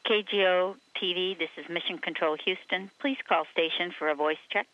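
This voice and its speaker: A woman's voice: lowish voice, fairly quick, no room sound. A woman making formal, clipped mission control calls over a radio, like a sci-fi communicator. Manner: clipped, procedural. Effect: radio transmission. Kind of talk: formal space-to-ground radio call, sci-fi communicator manner. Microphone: radio link. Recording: muffled, narrow-band radio link.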